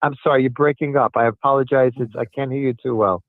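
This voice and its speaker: An older man speaks over a cell phone line that sounds thin and tinny, with no room echo. His voice sits at a middle pitch. He talks earnestly and emphatically, circling back to the same points as he answers questions. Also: fairly even intonation, quick pace. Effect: heard over a cell phone line. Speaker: city commissioner calling in as a guest.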